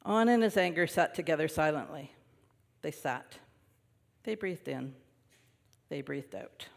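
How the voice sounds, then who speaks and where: A man's voice: on the high side, lively intonation, unhurried, creaky. Male minister reading a story in a hall. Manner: gentle storytelling with light, laughing asides. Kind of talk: reading a children's story aloud in a service. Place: large worship hall. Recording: long reverb of a worship hall.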